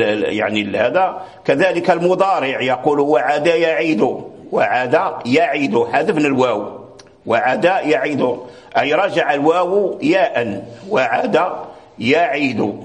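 A man teaching a lesson on Quran recitation, patiently repeating words and phrases as he explains. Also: mid-range voice. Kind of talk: religious lecture.

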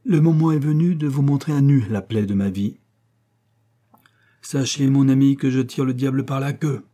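A man's voice: mid-range voice, monotone, normal speed, mellow, voice pushed up, lightly acted. A man reading aloud, voicing a proud, poor young captain in an impassioned, declamatory way. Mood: earnest confession.

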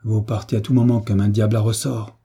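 A man reading aloud in French, voicing a stern, domineering Russian landowner who speaks in curt, commanding questions, with a husky voice. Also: fairly low pitch, little pitch movement, brisk, warm tone.

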